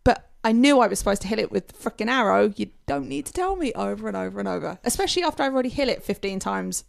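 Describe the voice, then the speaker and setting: A woman with a heavily creaky, gravelly voice, chatting casually and wryly. She tells her stories at an easy, conversational pitch. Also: expressive, quick pace. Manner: chatty, wry storyteller. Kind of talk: casual chat.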